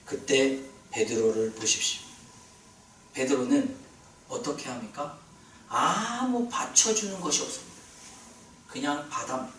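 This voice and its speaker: A male pastor preaching a sermon in a prayer retreat hall, animated and questioning his congregation, heard from a distance. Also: medium pitch, measured pace, long pauses, slight background noise.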